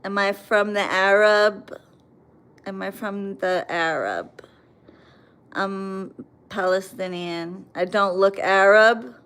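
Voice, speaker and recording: Speaking slowly in a medium-pitched, slightly bright, clean voice, a woman from the United States hosts a casual livestream. She reads comments from viewers and replies bluntly, with frequent swearing.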